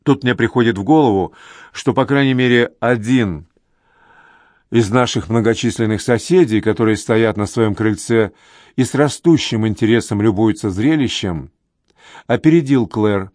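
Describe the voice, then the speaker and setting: An audiobook narrator reads from a novel in scripted narration, his delivery measured and even. His voice is fairly low, and the studio recording is clean with no echo.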